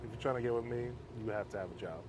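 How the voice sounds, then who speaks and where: Outdoors amid street noise, a man speaks calmly in a mid-range monotone he calls his own. He's a halfway home counselor being interviewed in a relaxed, measured conversation.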